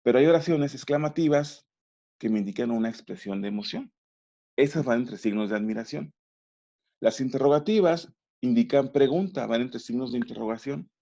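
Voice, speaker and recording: A man's voice: medium pitch, vocal fry, mellow. A man who patiently explains grammar rules in a remote lesson, often stopping to check that students follow. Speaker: teacher. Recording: dull lo-fi recording.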